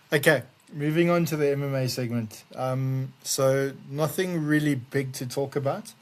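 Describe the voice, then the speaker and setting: A man's voice: medium pitch, measured pace. A man co-hosting a podcast in casual chat, laid-back as he reads out news items. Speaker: podcast co-host.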